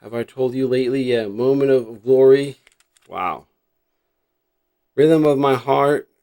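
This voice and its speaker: Showing his cassette collection on camera, this middle-aged American from New Jersey chats reflectively without a script, wandering as he thinks out loud. He speaks unhurriedly at a medium pitch, with a warm, clear, resonant tone.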